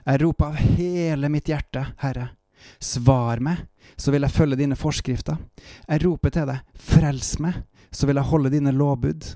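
A man reading psalm verses aloud in a calm, measured way, stopping now and then for short devotional reflections. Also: on the high side, dry recording, studio quality. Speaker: Bible reader and preacher. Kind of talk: Bible reading with devotional commentary.

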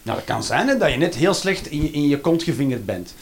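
A man's voice: fairly high pitch, big pitch swings, brisk, creaky, crowd noise. A man in his thirties with a Flemish accent doing a rambling, sarcastic stand-up routine. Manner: rambling, sarcastic, repeats punchlines. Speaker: stand-up comedian.

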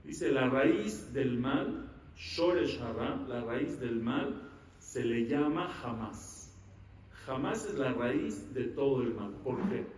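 A rabbi giving an animated Torah lecture, asking the audience questions and answering them himself. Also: male voice, mid-range voice, slow, slight background noise. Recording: echoey room, mic at a distance.

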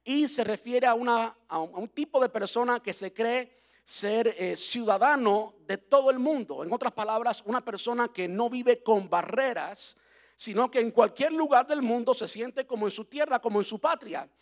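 A man preaching a relaxed sermon, his voice sitting notably high for a man. He talks in a chatty, playful way, stopping to spell words out letter by letter. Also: moderate pace. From Cuba. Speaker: pastor.

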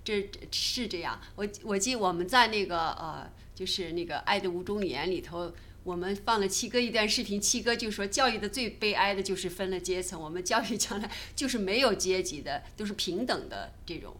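A woman's voice: mid-range voice, brisk, hardly any pauses, fairly bright tone. A woman from China taking part as a guest in a casual Bible discussion, hesitant and searching for words.

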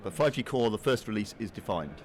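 A man gives technical interview answers as an industry expert. His voice is deep and he talks quickly. Faint noise sits behind him. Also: lively intonation.

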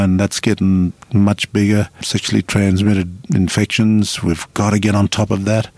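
A man speaking earnestly in an interview, making his case in a measured, repetitive way with frequent "you know". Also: lowish voice, gravelly, darkish tone, dry recording. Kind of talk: radio interview, earnest advocacy.

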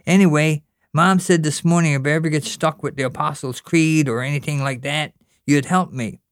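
In a fiction reading with a steady tone and moderate pace, the reader takes on an earnest young boy who prays with pleading questions and bosses his little brother. The high, childlike voice stays close to an everyday voice, recorded at studio quality with no room sound.

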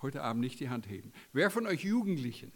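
A man preaching a sermon in an emphatic way, his voice swinging from loud high peaks down to quiet low endings. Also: very animated, quick pace.

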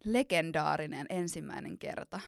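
A young woman chats casually, spinning a funny story with filler words and bursts of laughter. Her voice carries a gravelly fry, recorded close and dry. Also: low-pitched, no echo. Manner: laughs while telling embarrassing stories, many fillers.

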